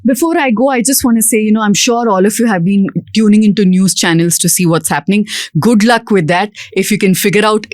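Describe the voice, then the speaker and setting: A woman's voice: mid-range voice, a little fast, a little mellow, no echo, clean studio sound. A woman with an Indian English accent, a journalist on a talk show, addressing viewers conversationally.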